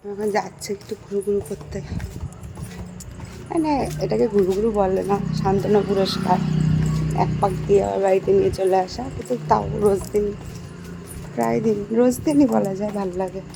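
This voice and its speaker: A young woman vlogging her day in a quick, chatty stream. Her pitch sits in the middle, and a faint noise hangs under the voice. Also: steady tone, vocal fry. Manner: fast, chatty talker. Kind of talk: casual daily vlog talk.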